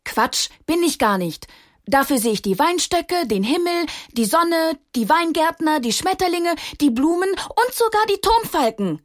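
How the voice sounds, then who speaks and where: A woman voicing a small, talkative male stone with a bright, high voice in a children's story. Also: big pitch swings, unhurried, full character voice. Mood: chatty. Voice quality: high, clear voice. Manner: eager, talkative.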